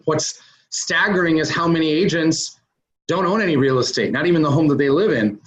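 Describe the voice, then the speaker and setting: A man's voice: on the high side, fairly quick. A man being interviewed as a real estate investor, explaining business ideas conversationally with plenty of "um" and "uh". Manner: conversational, explains step by step with many "um" and "uh" fillers. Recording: dull lo-fi recording.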